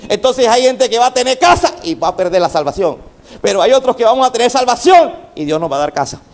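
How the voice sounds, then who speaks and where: A man's voice: very high voice, lively intonation, fast. A middle-aged male pastor preaching a sermon with fervor, calling out to his congregation for responses.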